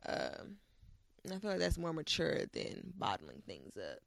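A woman co-hosts a casual podcast in slangy talk. Her pitch swings freely and has plenty of vocal fry, captured dry at a desk. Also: a little slow, no echo. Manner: slangy, giggly, animated. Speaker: podcast co-host. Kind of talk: casual chat.

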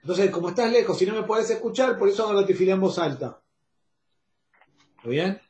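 A man's voice: sits high, lively intonation, a little fast, a little mellow. A man with a Rioplatense Spanish accent, teaching an online Talmud class step by step and often checking in with his students. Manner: explains step by step, checks in with "¿está bien?". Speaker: Torah teacher. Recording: roomy echo.

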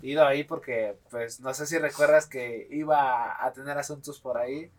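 A young man with a Mexican Spanish accent, co-hosting a casual chat and telling stories in a relaxed, slangy way. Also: mid-range voice, normal speed. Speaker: podcast co-host.

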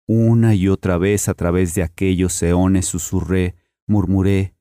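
An actor narrating as a haunted man recounting a horror, with grave, measured horror storytelling. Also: sits low, level tone, mellow, smooth, no echo, studio quality. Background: music.

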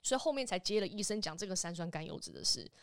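A woman in her thirties with a Taiwanese Mandarin accent, co-hosting a podcast and telling stories in a lively, laughing way. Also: on the low side, creaky, smooth, dry recording, clean studio sound. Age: 30s. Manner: animated storyteller, quick to laugh. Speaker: podcast co-host. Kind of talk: casual chat.

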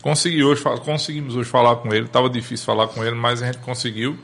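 A man's voice: mid-range voice, level tone, fast talker, gravelly, a bit bright. A man hosting a podcast, talking in an upbeat, slangy way as he hypes his guests. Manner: upbeat, slangy hype talk. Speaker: podcast host. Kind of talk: casual podcast chat.

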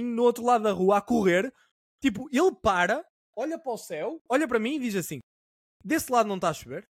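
A young Portuguese man co-hosting a relaxed podcast, spinning lively, slangy anecdotes with casual swearing. His voice sits high and the words tumble out fast. The sound is dry and close. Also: no echo. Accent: European Portuguese. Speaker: podcast co-host.

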